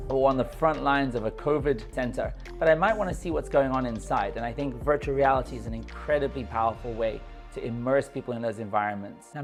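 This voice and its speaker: A man giving an eager, conversational lecture to camera about journalism and talking straight to viewers. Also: medium pitch. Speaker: journalism instructor.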